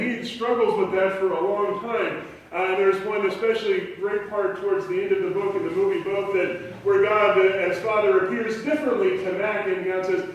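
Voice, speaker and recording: A man's voice: high-pitched, slight background noise. A male pastor giving a conversational, story-driven sermon. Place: church sanctuary. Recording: echoey church room from far off.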